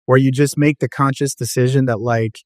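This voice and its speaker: A male podcast host asks his questions in a relaxed, rambling way, peppered with "like" and "um." His voice is mid-pitched. The sound is close and dry. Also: a little fast, no echo. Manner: conversational, many "like" and "um" fillers. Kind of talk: casual interview talk.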